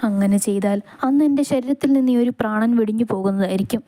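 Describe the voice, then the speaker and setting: A woman voicing a young man in love, speaking softly, tender and teasing. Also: mid-range voice, fast, slight background noise, close to an everyday voice. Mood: vowing.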